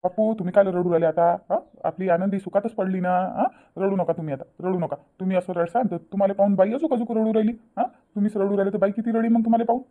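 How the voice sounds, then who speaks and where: A woman voicing a patient middle-aged village man in a cartoon, coaxing others to calm down. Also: mid-range voice, quick pace, hardly any pauses, phone-quality sound, close to an everyday voice. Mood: consoling.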